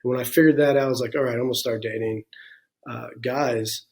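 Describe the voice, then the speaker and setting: A man's voice: medium pitch, fairly even intonation, fast talker, darkish tone. A man in his forties, a guest in an interview, telling his own story frankly and reflectively, with plenty of "you know" and "um" along the way. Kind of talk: candid personal storytelling in a conversation.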